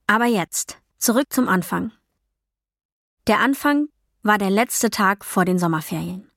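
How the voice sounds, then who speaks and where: A woman reading a first-person novel as an audiobook, in a calm, even storytelling voice with quiet dialogue voices. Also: mid-range voice, unhurried, no room sound, clean studio sound. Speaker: audiobook narrator. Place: dry recording booth. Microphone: close studio mic.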